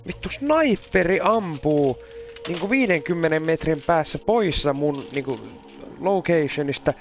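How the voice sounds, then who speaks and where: A man's voice: a little high, lively intonation. A man commenting on his gameplay, frustrated and swearing constantly, mixing in English words. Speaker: gamer.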